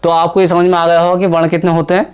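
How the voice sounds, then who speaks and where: A young male teacher with a clear, resonant voice on the high side gives a Hindi grammar lesson in a monotone. He poses questions to the class and answers them himself, repeats key terms, and stretches vowel sounds slowly to demonstrate them.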